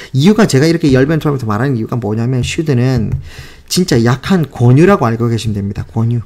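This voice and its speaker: A man's voice: medium pitch, darkish tone. Passionate Korean man teaching grammar. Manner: passionate, exasperated, mixes English phrases. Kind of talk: casual spoken lesson.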